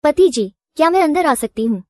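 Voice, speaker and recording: A woman dubbing a devoted young wife who speaks softly and politely to her husband. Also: sits high, lively intonation, fairly quick, no echo, clean studio sound. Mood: adoring. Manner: soft, adoring and polite. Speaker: dub voice actor. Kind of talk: Hindi dub of a drama.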